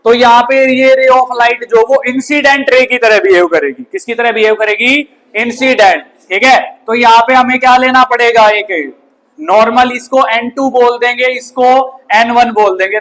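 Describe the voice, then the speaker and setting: A man's voice: extremely high pitch, fairly even intonation, a little slow, a bit bright, poor audio. A male science teacher giving a classroom physics lesson, asking the class questions and answering them himself, then calling students up one by one. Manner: often ends lines with "bhai"; calls students up one by one to look. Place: school classroom.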